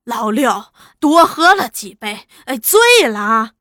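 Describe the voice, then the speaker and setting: A woman's voice: fairly high pitch, animated, slow, pushed and bright, dry recording, studio quality, full character voice. A woman voicing a sly, cowardly old man who feigns innocence in a storybook reading. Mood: feigned innocence.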